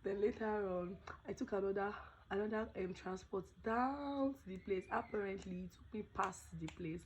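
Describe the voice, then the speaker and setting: A woman's voice: mid-range voice, moderate pace, slight background noise, poor audio. A young Nigerian woman vlogging casually, chatting with pidgin phrases, her voice not fully recovered. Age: young adult. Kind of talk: casual storytelling vlog.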